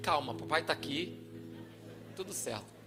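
A man voicing a father gently reassuring his son in a retold story. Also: extremely high pitch, very animated, brisk, faint music behind, voice pushed up, exaggerated voice. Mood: soothing. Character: soothing middle-aged father calming his son.

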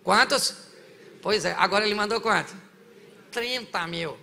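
High, gravelly pastor preaching. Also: male voice, unhurried, bright, forceful tone, slight background noise. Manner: joking, rises to fiery exhortation. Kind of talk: sermon. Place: church sanctuary. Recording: long church reverb.

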